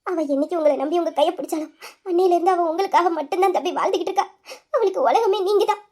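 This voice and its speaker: A woman's voice: very high-pitched, fast, warm tone. An actress playing a family elder who consoles and encourages a worried young man. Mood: consoling. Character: older family woman consoling a son-in-law.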